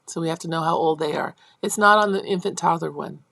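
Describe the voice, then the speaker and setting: In a dry recording, a woman lecturing a college class on early childhood teaching walks through her points step by step at a quick pace, her voice showing some vocal fry. She checks in with her students and acts out lines for both teacher and child in a high, animated voice.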